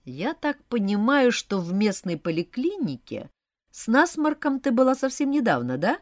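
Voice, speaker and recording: A sardonic, teasing male demon voiced by a woman reader in a storybook reading. His dry mockery rises and falls in lively pitch, and the voice sits close and dry on the mic. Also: moderate pace, no room sound. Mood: mocking.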